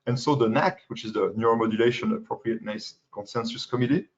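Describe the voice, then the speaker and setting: French-accented young man, medical webinar lecturer, halting delivery, mid pitch, dull lo-fi audio. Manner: halting, many fillers and restarts. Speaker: pain medicine fellow presenting.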